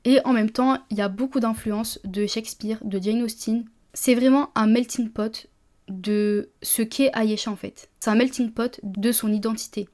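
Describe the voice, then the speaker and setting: Woman podcasting solo, kinda high voice, lots of euh and restarts. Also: fairly even intonation, moderate pace, a little mellow. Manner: chatty, many fillers and restarts. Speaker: publisher and podcast host. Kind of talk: casual solo podcast talk.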